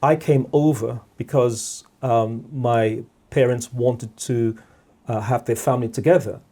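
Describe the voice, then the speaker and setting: Measured, husky middle-aged man. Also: medium pitch, steady tone, warm tone. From Guyana. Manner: measured, repeats words, checks in with "all right?". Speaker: podcast guest. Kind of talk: reflective discussion.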